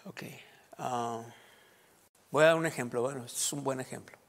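A male pastor delivers a sermon at a mid-range pitch. He keeps firing rhetorical questions at the congregation and answering them himself. The sound carries a long reverb from the hall around him. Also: normal speed, gravelly, slight background noise.

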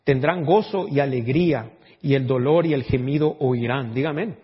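A man preaching a sermon, lively and acting out dialogue, now and then slipping into English words. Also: medium pitch, moderate pace, slightly rough, muffled recording. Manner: lively, acts out quoted dialogue.

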